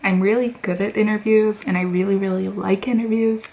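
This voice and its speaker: A woman's voice: medium pitch, steady tone, fairly quick, warm tone, a little hiss or hum. A woman in her twenties chatting casually in a vlog from her bedroom at home, filling her talk with "like" and laughing often. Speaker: vlogger.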